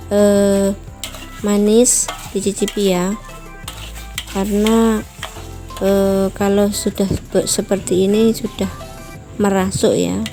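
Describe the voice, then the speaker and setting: A woman hosting a home cooking tutorial in her kitchen, chatting to viewers as friends and explaining each step. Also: mid-range voice. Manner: apologetic, explanatory asides. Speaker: home cooking channel host. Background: distant loud music from a rehearsal.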